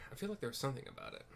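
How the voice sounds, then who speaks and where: Hosting a game playthrough video, this man improvises casual descriptions of the scenes, rambling and poking fun at himself while he hunts for words. His voice sits at medium pitch and sounds gravelly, pushed and bright.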